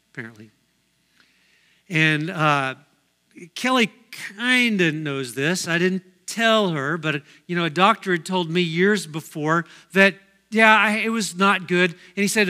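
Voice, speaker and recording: In a church sanctuary, a middle-aged male pastor preaches a sermon, telling a personal story conversationally with many asides. His voice is high, pushed, and bright.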